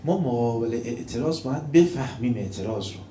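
A man preaching a sermon with told stories, swinging between loud mocking and quiet, calm storytelling. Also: mid-range voice, slight background noise. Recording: echoey room, faint ambience.

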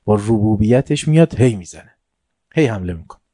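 Man preaching in a dark, low voice. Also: lively intonation, dry recording, studio quality. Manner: retells stories with quoted dialogue and recited Arabic, swinging from soft to emphatic. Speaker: religious lecturer. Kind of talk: religious lecture with storytelling. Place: room before a seated audience.

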